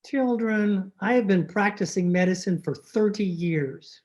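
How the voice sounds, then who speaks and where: A woman's voice: medium pitch, unhurried, a little mellow, close to an everyday voice. A woman playing a droll, wisecracking veteran family doctor in old-time radio comedy, with dry, wordy sarcasm. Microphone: video call microphone.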